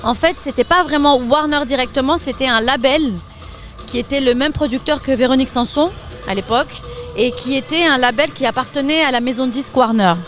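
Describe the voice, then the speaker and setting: A French woman with a high voice chats freely as an interview guest, laughing easily between her stories. Faint music plays in the background. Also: fairly quick. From France. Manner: lively, laughs often, chatty with fillers. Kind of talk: casual interview chat.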